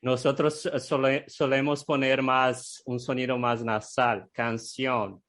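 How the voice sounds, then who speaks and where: Slow-talking man, hesitant. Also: mid-range voice, little pitch movement, fairly bright tone. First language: Portuguese. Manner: unhurried, hesitant, adds frequent tag questions. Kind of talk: casual explanatory chat.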